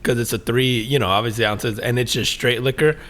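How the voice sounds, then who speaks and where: A man's voice: medium pitch, fairly even intonation, brisk, a bit bright, slight background noise. A man co-hosting a podcast in casual chat, telling stories in a laid-back, rambling way with lots of fillers and the odd swear word. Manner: swears and laughs easily. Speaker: podcast co-host.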